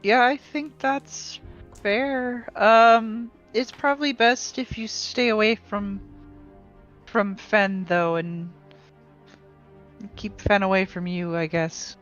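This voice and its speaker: A woman's voice: mid-range voice, fairly even intonation, slow, fairly bright tone, muffled recording, faint music behind. A woman playing in a tabletop game on a video call, talking hesitantly. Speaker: player.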